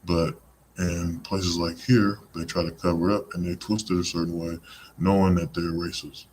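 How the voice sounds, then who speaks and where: A man's voice: deep voice, flat delivery, normal speed, darkish tone, slight background noise. A man hosting a live-streamed podcast, talking in a rambling, conversational monologue full of "you know" asides. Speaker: podcast host.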